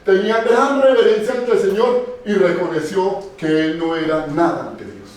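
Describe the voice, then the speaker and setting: A man with a high voice preaches to his congregation, asking them questions and repeating his key phrases. He is heard from some distance, and his voice rings through a strongly echoing church. A faint hum of the room sits behind him. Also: normal speed, darkish tone. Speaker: pastor. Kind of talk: sermon. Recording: echoey church from far off.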